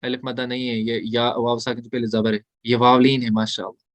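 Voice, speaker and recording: Brief: male Quran recitation teacher, mid-pitched, explains patiently and chants verses drawn out, dry close sound. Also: flat delivery, fairly quick, no echo. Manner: explains step by step, asking questions and answering them himself. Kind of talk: online tajweed lesson.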